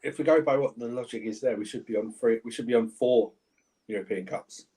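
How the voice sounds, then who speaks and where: Animated football podcast guy, laughs a lot, keeps repeating himself. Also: medium pitch, brisk, breathy edge. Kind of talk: casual football chat.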